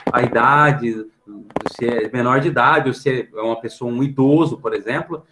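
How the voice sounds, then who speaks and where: A man's voice: mid-range voice, background noise. A Brazilian man teaching an online class, explaining patiently and checking in with the students after nearly every phrase. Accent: Brazilian Portuguese. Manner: explains patiently, filling pauses with a questioning tag. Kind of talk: online class for middle schoolers. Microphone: computer mic on a video call.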